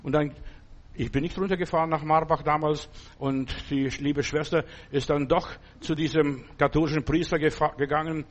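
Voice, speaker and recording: Male pastor, fairly high-pitched, fervent, direct sermon delivery with loose storytelling. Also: fairly even intonation, moderate pace, dull audio. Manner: fervent, direct preaching to a single listener.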